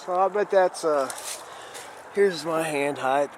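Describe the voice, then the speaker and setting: A man doing a casual, unhurried vlog out in the woods, thinking aloud in a folksy way as he explores. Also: fairly high pitch. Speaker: outdoor explorer vlogger. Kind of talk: casual rambling vlog narration while exploring. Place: outdoors in the woods on a rocky hillside. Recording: clear outdoor background noise.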